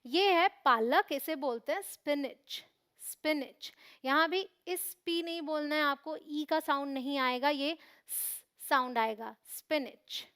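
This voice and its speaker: A young woman teaching English vocabulary to camera, asking quiz questions and repeating each word slowly. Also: high-pitched, pushed and bright. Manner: slow repeated pronunciation drills with quiz questions.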